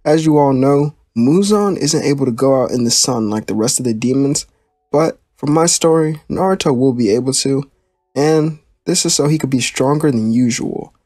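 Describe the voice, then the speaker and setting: A man's voice: medium pitch, normal speed, darkish tone, no echo, clean studio sound. A young man hosting his channel and narrating a fan story in a casual, plain way. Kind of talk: reading a fan story aloud.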